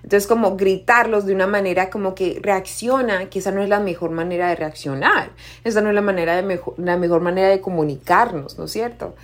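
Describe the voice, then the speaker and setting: A woman's voice: medium pitch, brisk. A young adult woman, a life coach, giving a casual motivational talk, conversational and often tagging her points with a question. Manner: conversational, often asks "¿verdad?"; acts out quoted shouting in a raised voice.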